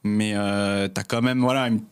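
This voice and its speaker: Relaxed man. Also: lowish voice, a little slow, clean tone. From Réunion. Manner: relaxed, many fillers, laughs easily. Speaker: guest, cartographer. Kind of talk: casual interview chat.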